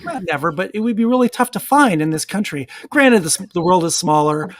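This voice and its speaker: A man's voice: high voice, lively intonation, brisk, fairly bright tone, no room sound. A man hosting a casual live online chat, asking rambling questions that he corrects as he goes. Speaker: show host.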